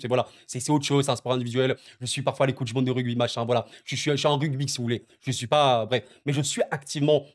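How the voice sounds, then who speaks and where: A man reacting to a football match on his video channel, agitated and emotional, stammering and repeating himself as he talks to his viewers. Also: mid-range voice. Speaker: football YouTuber. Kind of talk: excited football reaction vlog.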